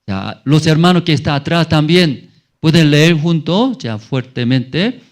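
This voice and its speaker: In church, a male pastor's slightly high, lively voice moves slowly through a Sunday sermon. He uses call-and-response and asks the congregation many questions.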